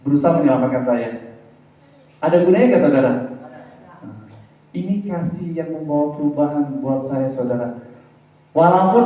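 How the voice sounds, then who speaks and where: A pastor delivers a lively sermon with a fairly high voice. He tells stories and keeps addressing the congregation. The recording is heavily echoey, picked up from a distance in a church hall, with a dull sound. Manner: animated storytelling preaching, often calls out to the congregation.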